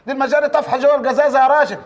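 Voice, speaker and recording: A man's voice: very high voice, fairly even intonation. A brash, bossy Egyptian doorman. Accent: Egyptian, Upper Egyptian flavor. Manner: brash, bossy, comic, quick. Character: nosy building doorman, comic busybody. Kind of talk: TV comedy series acting.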